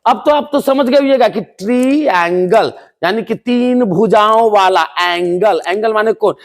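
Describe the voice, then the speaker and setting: A man teaching English spelling and pronunciation to board exam students, animated and joking as he playfully scolds the class. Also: high voice, unhurried.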